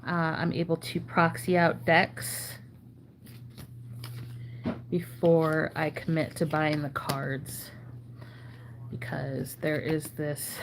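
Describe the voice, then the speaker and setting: A woman chatting casually and haltingly as a channel host, her throat sore and swollen-sounding, often needing clearing. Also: sits low. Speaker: trading card channel host. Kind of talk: casual chat while sorting cards. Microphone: phone camera. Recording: noticeable background noise.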